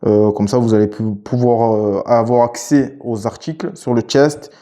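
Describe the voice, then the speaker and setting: Mellow-voiced cop chatting gear. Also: male voice, medium pitch. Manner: hesitant, many filler pauses, relaxed slang. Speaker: police officer and gear channel host. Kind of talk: casual gear chat to camera.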